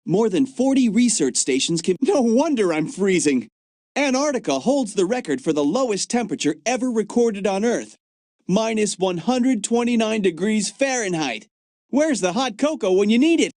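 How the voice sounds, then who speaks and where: Playing a cheerful young video game field agent who loves joking about gadgets and the cold, this man sounds eager, chatty, and enthusiastic. He speaks in a high, darkish voice at a moderate pace with plenty of animation. It's a dry studio recording with no room sound.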